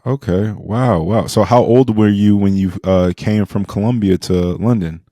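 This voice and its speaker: A man's voice: lowish voice, moderate pace, dark tone, no room sound. A man hosting a podcast interview in a casual, slangy and enthusiastic way.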